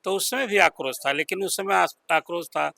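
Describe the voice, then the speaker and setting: A man giving political analysis as a senior journalist on a panel, explaining slowly with pauses. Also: sits high, vocal fry, pushed and bright. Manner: deliberate, explanatory, with pauses and fillers.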